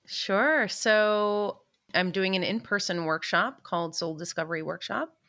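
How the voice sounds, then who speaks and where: A woman's voice: medium pitch, measured pace, sharp tone. A woman guest, a spiritual teacher, explaining her workshop in a conversational way.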